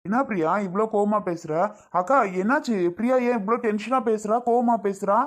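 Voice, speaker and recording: A woman's voice: mid-range voice, a little fast, natural voice. Woman playing a concerned young brother. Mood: affectionate. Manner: questioning, coaxing, affectionate.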